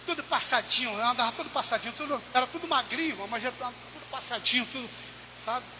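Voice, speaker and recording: High, bright-voiced male preacher. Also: quick pace, a little hiss or hum. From Brazil. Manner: impassioned, rising to near-shouted peaks. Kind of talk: sermon testimony. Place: church.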